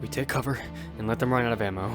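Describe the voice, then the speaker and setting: A man playing Damian's part in an audio drama, a gruff, protective father fighting as a contestant in a battle game. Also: mid-range voice, very fast, natural voice. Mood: desperate, resolute. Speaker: narrator and lead actor. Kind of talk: first-person audio drama narration and dialogue. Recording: music behind the voice. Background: prominent music.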